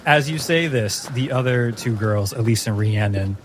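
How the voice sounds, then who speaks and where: A man's voice: medium pitch, slight background noise. A man narrating a tabletop fantasy game as game master. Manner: slow, descriptive.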